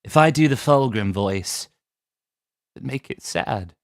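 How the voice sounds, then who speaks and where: A male streamer reacts excitedly and swears freely in casual chat. His pitch jumps around a lot. His mic sound is dry and close. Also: slow, no echo. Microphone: desk mic.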